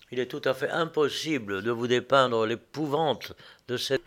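A man narrating a first-person story in a slow, measured reading. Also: on the high side, a bit bright.

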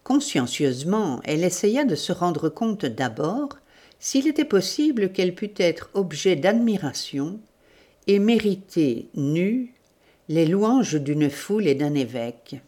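A woman narrating a literary novel in a measured, deliberate reading. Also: on the low side, very animated, mellow. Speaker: audiobook narrator.

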